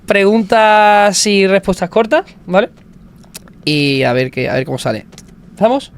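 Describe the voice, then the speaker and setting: High-pitched male podcast host. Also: expressive, measured pace, clean tone. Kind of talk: casual podcast chat.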